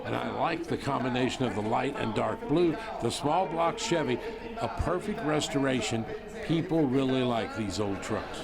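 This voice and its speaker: A man's voice: medium pitch, animated, normal speed, creaky, over a noisy crowd. A man hosting an auction broadcast with presenter-style commentary. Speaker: auction show host.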